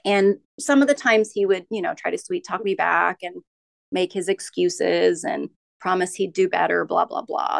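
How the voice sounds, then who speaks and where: A middle-aged woman speaks as a podcast guest, telling a personal story with a gravelly edge in her voice. She talks haltingly, restarting sentences and pausing on filler sounds. The sound is close and dry, with no room behind it. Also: medium pitch, dry recording. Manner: halting, with frequent restarts and ums. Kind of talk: candid interview storytelling.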